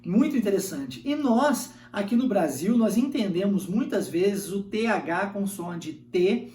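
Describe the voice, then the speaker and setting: A man's voice: sits high, lively intonation, measured pace, dark tone, echoey room, distant mic. A Brazilian man teaching English in a video lesson, explaining at length and checking in with the viewer through tag questions.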